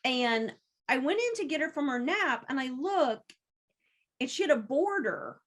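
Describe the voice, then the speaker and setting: Animated high-pitched middle-aged woman. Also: measured pace. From rural United States farming community. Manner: animated storyteller, acts out voices in quotes. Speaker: guest, mother of the co-host. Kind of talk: casual podcast chat, storytelling.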